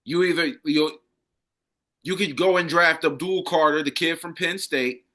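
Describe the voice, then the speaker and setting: A man with a bright, fairly high voice hosts a casual sports chat. He talks in a relaxed, agreeable way and repeats his phrases for emphasis. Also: a little slow.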